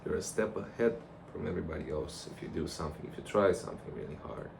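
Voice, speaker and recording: A man's voice: low-pitched, expressive, fast talker, a little mellow. A young man rambling casually and reflectively to a camera, in a loose conversational monologue. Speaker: vlogger. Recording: clear background noise.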